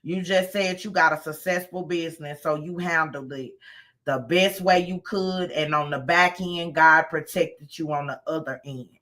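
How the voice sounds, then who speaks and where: A woman's voice: deep voice, fairly even intonation, moderate pace, a bit bright. A woman from Louisiana, hosting a live advice talk in an emphatic, folksy way that leans on repeated phrases. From Louisiana, USA. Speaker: host, mental health professional.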